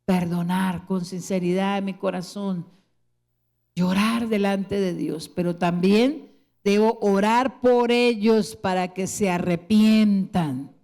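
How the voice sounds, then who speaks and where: A middle-aged woman pastor with a Colombian Spanish accent preaches in a church sanctuary. Her voice sits at a middle pitch. She slows into hushed, prayerful passages and then lifts into emphatic appeals to the congregation. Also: steady tone. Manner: emotional preaching, slowing to soft prayerful tones then rising emphatically. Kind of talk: sermon.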